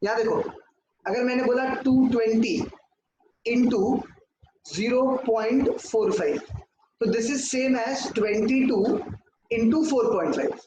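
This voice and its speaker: High-pitched male teacher lecturing at a board, keeps asking and answering his own questions, very echoey room with hiss. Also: slow. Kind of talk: classroom lecture. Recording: echoey room with clear noise.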